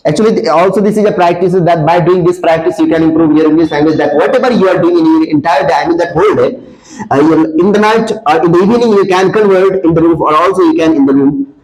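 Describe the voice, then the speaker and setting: Speaking high-pitched, Indian-accented English, a young senior student from India who grew up with Hindi fields questions from classmates. He offers sincere advice, pausing on "uh" and often restarting sentences. The audio is poor, with a darkish tone.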